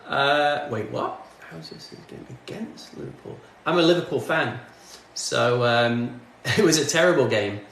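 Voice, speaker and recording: The northwest English music streamer speaks at normal speed with hardly any pauses, his mid-range voice a bit bright. He chats casually, answering livestream comments as he works indoors in his home studio. It's recorded off mic from a distance in a very echoey room with faint background noise.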